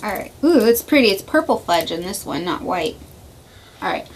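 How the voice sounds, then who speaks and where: A woman's voice: mid-range voice, big pitch swings, moderate pace, slight background noise. A woman hosting a casual taste-test vlog, chatting and giving blunt opinions about sweets. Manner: chatty, blunt reactions, frequent laughs. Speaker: vlog host.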